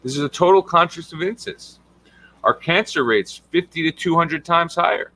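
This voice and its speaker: A man's voice: on the high side, expressive, moderate pace, pushed and bright, low-quality recording. A man, a health coach giving an impassioned monologue full of emphatic rhetorical questions.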